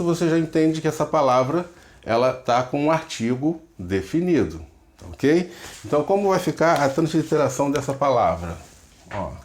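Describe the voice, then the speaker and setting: A middle-aged man teaches a grammar lesson at an unhurried, patient pace, breaking each point into small steps. His voice sits at an ordinary middle pitch, and he often stops to check that the listener is following. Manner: patient, explains step by step, checks in with "ok?" and "tá?". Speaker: pastor teaching biblical Hebrew. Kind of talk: recorded online lesson.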